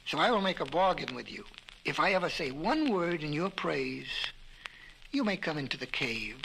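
A man's voice: a little high, sing-song, normal speed, vocal fry, sharp tone, a little hiss or hum, exaggerated voice, rough recording. A man voicing a wise, mocking cave woman in a storybook reading on an old vinyl record, speaking in a firm, teasing way. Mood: bargaining. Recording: vintage vinyl record with music.

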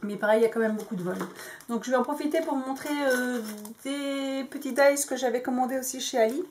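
A woman's voice: high voice, fairly quick, a little mellow, a little hiss or hum. A woman vlogging in French, casually showing crafting dies with lots of hesitant fillers. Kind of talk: casual show-and-tell.

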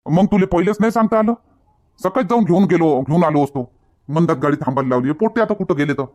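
A man's voice: on the high side, lively intonation, fast, a little mellow. A man acting in a village comedy skit, talking in a bossy, grumbling way. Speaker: comedy sketch actor.

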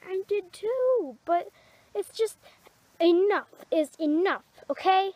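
A woman's voice: very high voice, animated, slow pace, a little mellow, no room sound, pitched above the performer's own voice, heavily acted. A woman voicing a protective, widowed mother rabbit who scolds in an anxious, motherly way. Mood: scolding, tender.

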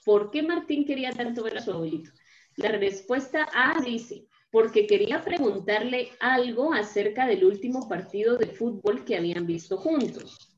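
A woman teacher leading an online primary school lesson, patient and methodical, often checking that her pupils follow. Her voice sits a little high and carries some room echo. The call audio is slightly dull. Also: expressive, normal speed. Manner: patient, explains step by step, often checks with "¿verdad?". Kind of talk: online class instruction.

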